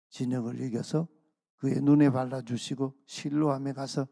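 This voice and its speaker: A pastor giving a sermon at a dawn prayer service, earnest, slowing down to stress key phrases. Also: male voice, medium pitch, gravelly, mellow, no room sound, clean studio sound. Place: church sanctuary.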